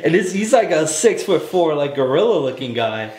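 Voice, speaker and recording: A man co-hosting a casual anime chat, blunt and animated, often acting out characters in jokey voices. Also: a little high, normal speed. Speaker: co-host of an anime review show. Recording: roomy echo.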